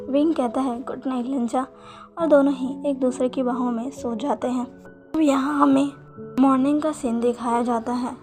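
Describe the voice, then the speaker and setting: A woman narrates a fanfiction story aloud, including character dialogue, voicing every character in much the same way. Her voice is pretty high, with faint, soft music in the background.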